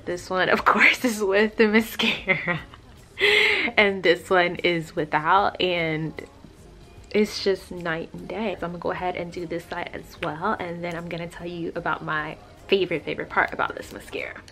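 A woman's voice: fairly low pitch, steady tone, moderate pace, a bit bright, faint music behind. Upbeat young woman chatting to camera. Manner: upbeat, chatty, addresses viewers as y'all. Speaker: lifestyle vlogger. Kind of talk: casual vlog talk to camera. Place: bright home living room.

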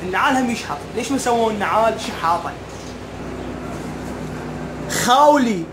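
A young man with an Iraqi Arabic accent, doing an animated, mock-puzzled comic vlog monologue. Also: very high voice, moderate pace, noisy background. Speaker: comedy vlogger.

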